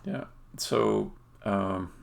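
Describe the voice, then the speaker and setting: An indie game developer talks casually and haltingly, thinking aloud during a live-stream demo. His voice is fairly low with vocal fry.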